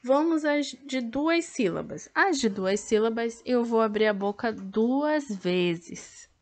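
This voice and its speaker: A woman teacher with a Brazilian Portuguese accent, patiently walking pupils through a workbook and sounding out each word clearly. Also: on the high side, lively intonation, takes it slowly. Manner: patient, over-articulates words to count syllables. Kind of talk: slow classroom explanation of an activity book.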